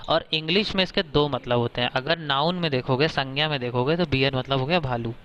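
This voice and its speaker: Patient teacher who keeps checking in. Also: male voice, mid-range voice, a little fast, fairly bright tone, dull audio. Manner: keeps checking understanding with short questions; invites questions from students. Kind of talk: classroom explanation in Hindi.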